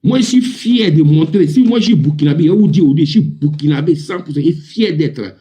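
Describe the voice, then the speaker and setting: Taking part in a panel debate on politics, this man from Ivory Coast argues with indignation and emphasis, going over the same points again and again in a live, informal, heated exchange. His voice is on the high side, warm, animated, and a little fast.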